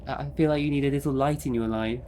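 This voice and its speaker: A man's voice: mid-range voice, steady tone, fast, noisy background. A man giving casual, hesitant let's play commentary, muttering to himself as he plays. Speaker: gamer playing and commenting.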